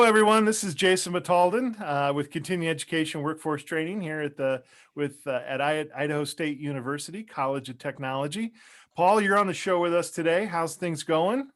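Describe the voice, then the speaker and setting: A man with a slightly raised pitch hosts a casual podcast. He talks in a folksy, joking way with informal phrasing. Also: fairly bright tone. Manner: jokey, folksy. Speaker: podcast host. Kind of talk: casual chat.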